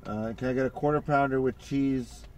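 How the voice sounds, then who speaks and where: Mellow-voiced dad ordering at a drive-through. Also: male voice, medium pitch, fairly even intonation, moderate pace. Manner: plain, patient, repeats items clearly. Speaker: father in family vlog. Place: in a car.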